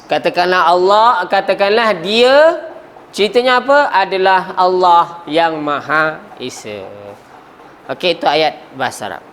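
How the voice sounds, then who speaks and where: High-voiced Malaysian teacher quizzing his class. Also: lively intonation, measured pace, fairly bright tone, slight background noise. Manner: asks the class frequent questions, coughs and trails off mid-word. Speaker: Arabic grammar teacher. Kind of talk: classroom lesson.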